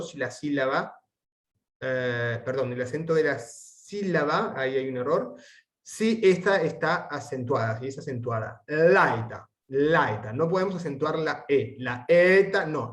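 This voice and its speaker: A man teaching an online Latin class, reading the text aloud and spelling out syllables and sounds slowly and carefully. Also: a little high. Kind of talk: recorded online lesson.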